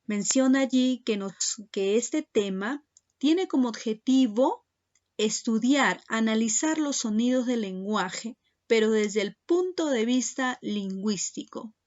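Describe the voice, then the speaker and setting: A woman's voice: a little high, animated, a little slow, darkish tone, dull audio. A woman teaching a secondary school class in a recorded lesson, speaking patiently and addressing her students directly.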